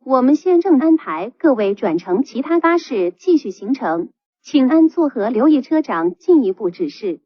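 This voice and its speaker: A woman reading calm, formal bus announcements played over a PA system. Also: high-pitched, moderate pace, slightly rough, no echo. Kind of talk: scripted public announcement. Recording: dull lo-fi PA playback.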